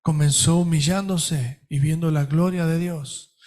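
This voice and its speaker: Slow, emphatic Argentine pastor preaching. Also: male voice, a little high, steady tone, a little mellow. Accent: Argentine Spanish. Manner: emphatic, preaching with dramatic pauses. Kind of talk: sermon.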